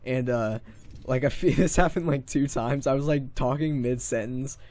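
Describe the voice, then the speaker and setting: A man's voice: medium pitch, moderate pace, darkish tone. A young man in casual game chat who rambles with many fillers and laughs a lot, talking into a heavy desk mic. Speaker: gamer. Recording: noisy online voice chat.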